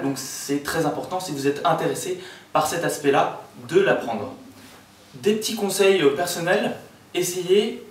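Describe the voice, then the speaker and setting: A young man with a slightly high voice speaks as a student tutor, casually introducing a lesson series. He keeps encouraging the viewers and talks to them directly. The sound is very echoey, and he stands away from the mic. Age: young adult. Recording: very echoey room, mic far off.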